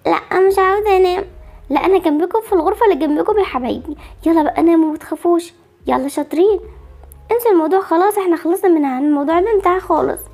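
Woman as Barbie, a fretful high-voiced mother. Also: very fast. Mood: fretful, soothing. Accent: Egyptian Arabic. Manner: fretful, hushing and soothing. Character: anxious young mother Barbie, protective. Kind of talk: amateur game-movie voice acting.

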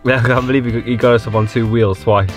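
A man's voice: medium pitch, steady tone, quick pace, soft background music. A British man vlogging casually outdoors in a small town, laid-back and often laughing. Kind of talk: casual travel vlog chat.

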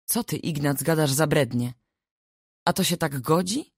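A woman's voice: low voice, measured pace, breathy edge, dry recording, studio quality, full character voice. A woman reading the lines of an indignant middle-aged village mother with rustic speech.

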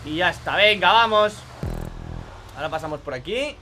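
A young man from Spain talks through his gameplay, his voice high and lively as it leaps between groans and outbursts. The tone is bright and forceful, and he swears and grumbles straight to his viewers, with faint game sounds underneath. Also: normal speed, slight background noise. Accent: Spain Spanish. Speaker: gaming youtuber. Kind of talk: live gameplay commentary.

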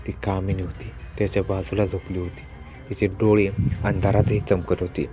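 A man narrating a scripted horror story in a steady, suspenseful manner. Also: deep voice, normal speed, faint music behind.

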